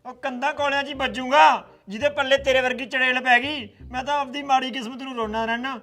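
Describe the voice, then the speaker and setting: An actor playing a lazy, quarrelsome village husband in a comedy sketch, bantering loudly and teasingly. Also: male voice, very high-pitched, steady tone, quick pace. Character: lazy bickering village husband, middle-aged man. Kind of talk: rural comedy sketch acting.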